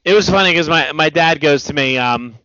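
A middle-aged man co-hosting a podcast in casual chat, a rambling, animated storyteller who restarts sentences. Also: a little high, brisk, no room sound, highs cut off. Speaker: podcast co-host.

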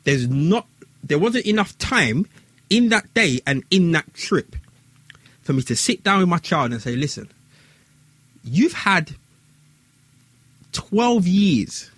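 A man with a London roadman accent tells stories in casual conversation. His voice is fairly high and very animated, with a husky edge. He leans on street slang and repeats himself for emphasis. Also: takes it slowly, pauses often, no room sound. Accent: London, urban street.

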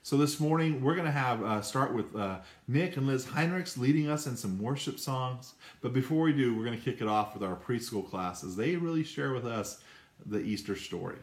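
Earnest pastor in an echoey church. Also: male voice, mid-range voice, expressive, normal speed. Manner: earnest, with occasional "uh" fillers. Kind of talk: church announcements and offering prayer. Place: church sanctuary.

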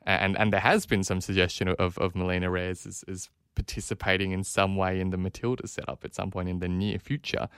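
A man with a deep, smooth voice hosts a sports podcast. He interviews conversationally in long, qualified sentences, recorded dry and close. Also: flat delivery, a little fast, few pauses, a bit bright, dry recording. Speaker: podcast co-host.

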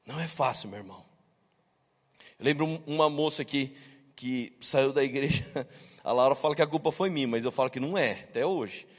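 A man's voice: medium pitch, fairly quick, in a large hall. A man preaching a sermon to his congregation, telling stories and acting out the voices of the people in them, with jokes along the way. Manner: storytelling, acts out quoted voices. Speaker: pastor. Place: church.

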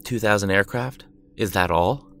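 A man voicing a frail elderly emperor who asks quiet, grave questions in a history narration. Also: lowish voice, moderate pace, slight background noise. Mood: questioning.

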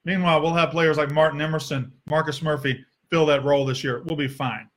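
A man's voice: fairly high pitch, steady tone, brisk, fairly bright tone. A man hosting a sports podcast, ranting in a heated, sarcastic way and swearing freely. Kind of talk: opinionated sports rant.

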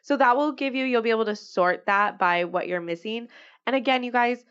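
A woman's voice: on the high side, brisk, a bit bright, clean tone. A chatty woman co-hosting a casual talk, laughing easily. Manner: chatty, giggly. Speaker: podcast co-host. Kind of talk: casual chat. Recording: dull lo-fi recording.

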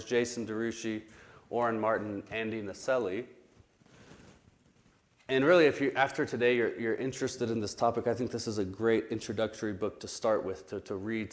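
A man teaches a Bible study class with a voice still recovering from illness, explaining terms carefully and often pausing or restarting. His voice is lowish, with fairly even intonation.

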